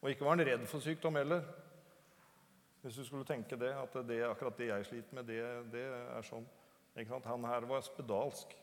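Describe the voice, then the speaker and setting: Man, lay preacher, mid-pitched, halting and conversational, heard in a reverberant church hall. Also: steady tone. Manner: hesitant, conversational, many fillers and restarts. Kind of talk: informal church talk.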